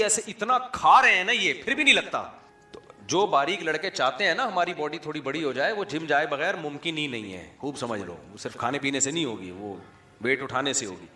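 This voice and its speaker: A man's voice: medium pitch, sharp tone. A middle-aged man, an Islamic scholar giving a humorous sermon with chatty storytelling and asides to a live audience. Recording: echoey hall, faint music.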